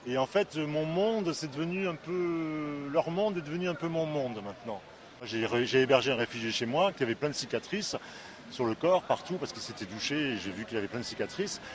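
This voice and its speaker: A man's voice: fairly high pitch, animated, a little fast. A man talking earnestly about volunteering as a French teacher, hesitating and restarting his sentences. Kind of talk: personal testimony. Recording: noisy street recording.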